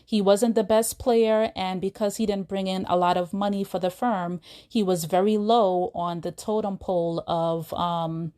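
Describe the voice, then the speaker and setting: A woman's voice: medium pitch, steady tone, a little slow, few pauses, dark tone. A woman hosting her own podcast, retelling a film scene in a casual, chatty way with asides to her listeners. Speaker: podcast host. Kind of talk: casual storytelling monologue.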